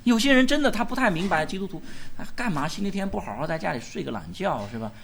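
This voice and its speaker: A male pastor preaching at a church gathering, firing rhetorical questions at his listeners and urging them to answer out loud. His voice is a little high and swings up and down widely, in an animated, pressing delivery. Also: fast, creaky, a little hiss or hum. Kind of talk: sermon.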